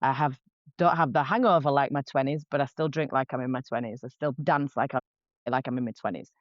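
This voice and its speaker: A face painter in her 40s guests on a podcast, speaking a little fast in a bass voice with no echo. Her casual conversation is chatty, frank, and full of restarts, recorded as dull, dry lo-fi podcast audio.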